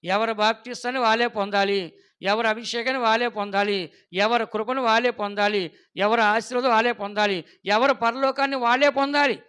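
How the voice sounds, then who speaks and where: Male pastor, sermon, high voice, smooth and resonant, quizzes the congregation, animated stories. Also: fairly quick. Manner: asks the congregation questions and prompts answers; animated storytelling with quoted voices.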